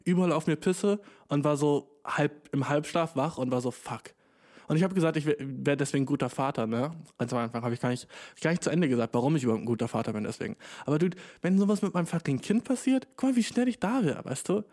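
A man in his twenties chats on and on by himself at a fast clip, his fairly high voice barely pausing. The talk is rambling and excitable, full of slang and curse words, and he repeatedly calls the listener dude.

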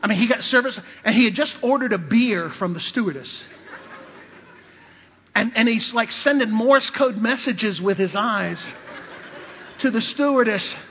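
Sitting high in pitch, this man's voice moves at a moderate pace with long pauses, and a little hiss or hum runs underneath. He is a preacher and missionary whose sermon mixes humorous personal tales with call-outs to the congregation, recorded dull and lo-fi in a reverberant hall.

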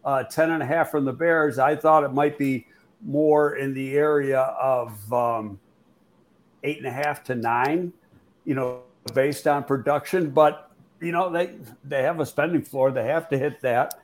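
A man's voice: medium pitch, a little slow. Man breaking down football moves. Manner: analytical, frank, with frequent fillers and restarts. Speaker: football analyst host. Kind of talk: casual football podcast talk.

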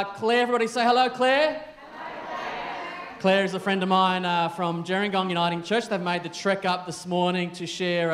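A man's voice: sits high, fairly bright tone, reverberant. A man leading a church service and introducing a puppet troupe to the children. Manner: friendly, upbeat compère.

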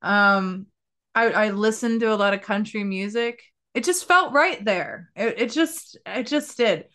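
A woman's voice: medium pitch, sharp tone. Chatty woman podcast host on a call. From Maryland, US. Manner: chatty, friendly, with halting restarts. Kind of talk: casual chat. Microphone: video call.

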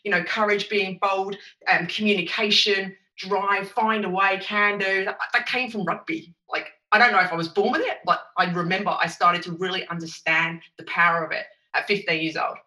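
A woman with an Essex accent speaks in a very bright, sharp voice, upbeat and emphatic as she chats in an interview. She sounds roomy and set back from the microphone. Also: mid-range voice, steady tone, moderate pace, few pauses. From Essex, England. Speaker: podcast guest, chief executive. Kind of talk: enthusiastic interview conversation. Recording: roomy echo, distant from microphone.

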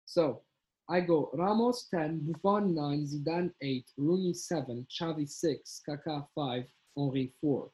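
A man co-hosting a casual football chat, animated and slangy, often talking over his partner. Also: on the high side, a little slow, low-quality recording. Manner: animated, swears, says "bro", talks over his partner. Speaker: podcast co-host.

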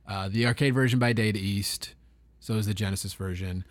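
A man co-hosting a casual podcast about retro games, relaxed and easygoing. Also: lowish voice, fairly quick, no room sound. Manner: laid-back, short agreeing replies. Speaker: podcast co-host.

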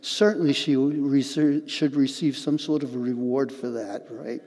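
An older man preaching a sermon as pastor, earnest and halting, often repeating words as he goes. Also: mid-range voice, steady tone, a little mellow, in a large hall.

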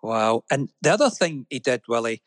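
A man's voice: medium pitch, very animated, moderate pace, dry recording. A man co-hosting a business talk radio show, telling stories in an earnest, admiring way. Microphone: studio microphone.

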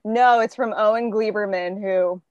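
A woman's voice: mid-range voice, fairly even intonation, normal speed, a little mellow, no room sound, muffled recording. A woman co-hosting a podcast, teasing the host and adding review numbers with a wry edge. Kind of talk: casual chat.

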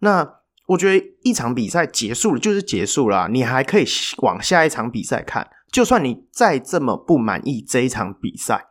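Chatty man retelling a game story. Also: mid-range voice. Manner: chatty, animated retelling with filler pauses. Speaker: podcast co-host. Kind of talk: casual storytelling chat.

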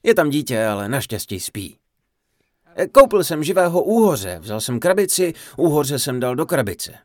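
A man giving a humorous dharma talk, telling a funny story in an animated, playful way. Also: a little high, no room sound. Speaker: Czech voice-over of a Buddhist teacher's talk.

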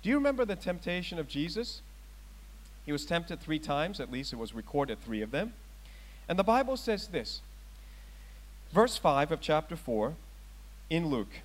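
A middle-aged pastor from Thailand preaches a sermon in a fairly high-pitched voice, emphatically putting rhetorical questions to his congregation. He grows loud when reading scripture and asking questions. The audio quality is poor.

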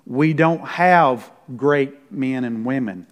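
A middle-aged pastor preaching a sermon. He reads scripture out loud with force, drops into quiet, low asides, and often checks in with his listeners with a "right?". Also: slow. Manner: conversational, often tags lines with "right?". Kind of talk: sermon with Bible reading.

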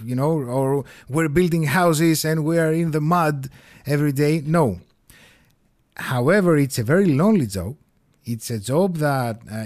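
A man in his thirties from Greece with a Greek accent, chatting animatedly as an interview guest and laughing often. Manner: animated, laughs often, shifts pitch freely. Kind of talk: casual interview chat.

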